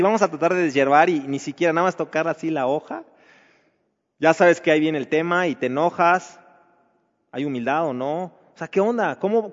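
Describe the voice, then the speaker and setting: A man preaching a sermon to married men, asking rhetorical questions in a conversational way. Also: fairly high pitch. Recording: dull reverberant hall recording.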